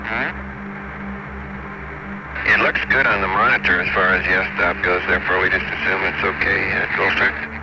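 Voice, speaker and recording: A man's voice: low voice, steady tone, moderate pace, long pauses. A man speaking in procedural, clipped phrases over a two-way radio, as a spaceflight communicator in a radio exchange. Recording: muffled, noisy 1960s space radio transmission. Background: loud radio static and hiss.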